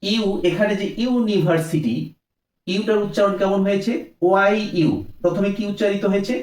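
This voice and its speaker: A man's voice: high voice, normal speed, darkish tone, roomy sound, recorded from a distance. A man teaching a grammar lesson, asking questions and answering them himself.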